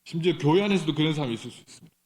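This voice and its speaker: A middle-aged man preaching a sermon in a church, speaking conversationally, asking the congregation questions, with some halting restarts. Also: fairly high pitch, expressive, darkish tone. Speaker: pastor. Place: church sanctuary.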